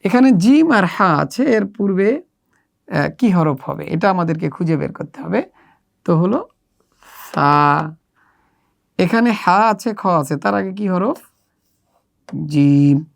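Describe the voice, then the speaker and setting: A woman teaching children the Arabic letters, slowly and patiently working through a workbook one exercise at a time. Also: lowish voice, lively intonation, vocal fry. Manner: slow, patient step-by-step instruction. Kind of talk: workbook lesson walkthrough.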